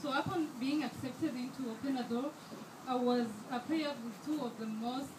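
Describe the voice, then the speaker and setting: A Rwandan scholarship student in her 20s speaks at normal speed in a high-pitched voice, delivering an earnest fundraiser speech full of fillers and restarts. The event hall echoes, background noise intrudes, and her handheld microphone sits too far from her mouth.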